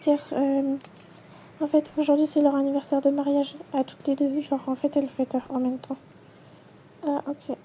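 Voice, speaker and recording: A woman acting out a playful toy role-play, switching quickly between many characters in chatty everyday dialogue. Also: sits high, monotone, warm tone, slight background noise. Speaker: channel creator voicing every character.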